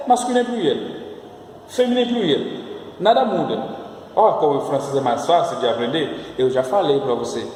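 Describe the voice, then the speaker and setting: A man teaching French online, drilling words slowly and repeating them, coaxing and teasing his students. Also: a little high, a little mellow, far from the mic, slight background noise. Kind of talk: online language lesson. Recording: echoey room, voice off-mic.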